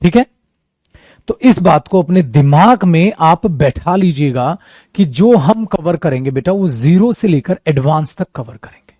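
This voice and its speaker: A man runs an English coaching class for competitive exams, calling his students "beta" and "mere dost" and acting out their doubts with plenty of energy. His voice is fairly high and his pace unhurried. The studio recording is clean, with no room sound.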